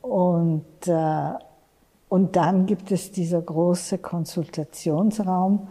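A woman in her late eighties, a guest in an interview, talking slowly and haltingly as she searches for words. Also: fairly low pitch, steady tone, dark tone, husky. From United States. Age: 80s. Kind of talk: interview conversation.

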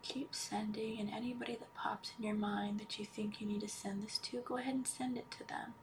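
Hushed woman guiding meditation, right in your ear. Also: mid-range voice, flat delivery, fairly quick, a little hiss or hum. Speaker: podcast host and healer leading a guided meditation. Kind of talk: guided healing meditation.

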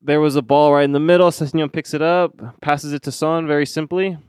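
Young male co-host, relaxed and profane, clean voice on a dry close mic. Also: a little high, a little fast, clean tone, dry recording. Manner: laid-back, laughs often, swears casually. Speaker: podcast co-host. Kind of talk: casual chat.

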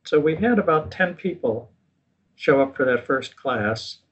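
An older American man with a husky, slightly rough and somewhat high voice tells his story unhurriedly as a guest in a casual interview. He's relaxed and self-deprecating, chuckling at himself. The recording sounds dull and lo-fi.

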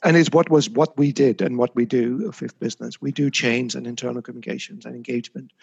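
A man's voice: medium pitch, steady tone, quick pace, gravelly, husky, dull audio. A man as an interview guest, talking reflectively about his career with frequent small restarts. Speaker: guest, communications consultant. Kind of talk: casual interview.

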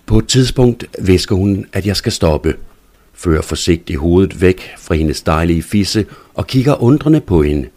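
A man calmly narrating a scripted first-person story in a measured reading voice. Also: sits low.

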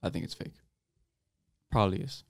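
A teenage boy with an American accent hosts a student podcast, rambling through casual chat with many fillers and restarts. He speaks at a moderate pace on a dry recording.

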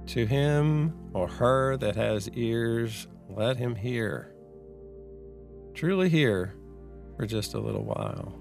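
A man giving a reflective guided mindfulness talk in a measured, unhurried way, with pauses between short phrases. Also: medium pitch, gravelly, darkish tone. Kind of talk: slow guided meditation, reflective talk on anxiety.

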